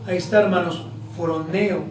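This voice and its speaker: A man's voice: high voice, fairly even intonation, moderate pace, noisy background. A male pastor preaching an expository sermon in a church, often addressing the congregation directly and posing rhetorical questions. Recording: very echoey church hall, mic far off.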